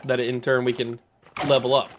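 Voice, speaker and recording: A man giving casual commentary while playing a game, thinking aloud, talking to enemies, his voice a little rough and strained. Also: medium pitch, monotone, moderate pace, slight background noise. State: voice going, clearing throat. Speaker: let's play gamer.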